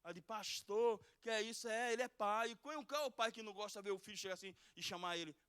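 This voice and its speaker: A middle-aged pastor from Pernambuco, preaching a fervent sermon that swings from loud exhortation to soft pleading. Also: male voice, high voice, lively intonation, rapid-fire, smooth, dry recording. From Pernambuco, Brazil. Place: church sanctuary.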